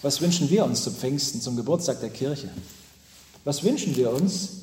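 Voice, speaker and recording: A man preaching a sermon from the pulpit to his congregation, telling stories with dramatic pauses and emphatic repetitions. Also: medium pitch, lively intonation, a little mellow, slight background noise. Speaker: pastor. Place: church with pulpit. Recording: echoey church hall.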